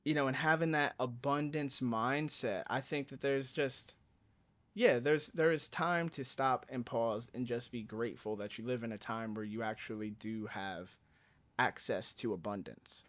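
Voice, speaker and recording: A man's voice: mid-range voice, a little slow, a bit bright. A man hosting a podcast, talking animatedly with lots of "like" fillers and acting out quoted reactions. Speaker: podcast host. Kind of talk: casual podcast conversation.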